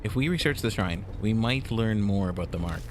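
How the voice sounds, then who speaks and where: A man with a low voice chats casually and reads character lines as a gaming co-host. The recording has clear noise behind him. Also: lively intonation, fairly quick. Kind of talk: casual chat and voicing game dialogue.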